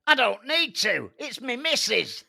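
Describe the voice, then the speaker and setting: A man's voice: very high-pitched, sing-song, measured pace, vocal fry, bright, forceful tone, full character voice. A man voicing a harsh, bigoted male judge who hands out absurd sentences in a blustering, pompous manner.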